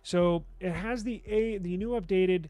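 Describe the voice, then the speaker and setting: A man hosting a tech show, casually walking through sale items with loose, excited talk, restarts and mild swearing, from a home studio desk mic. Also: sits high, a little slow, dry recording. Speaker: tech news host. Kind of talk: casual deal walkthrough. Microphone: desk microphone.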